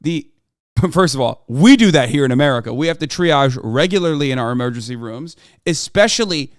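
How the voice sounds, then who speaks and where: A man's voice: a little high, lively intonation, fairly quick, no room sound, studio quality. Profane, combative man ranting at chat. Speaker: livestream host. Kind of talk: heated political rant to chat.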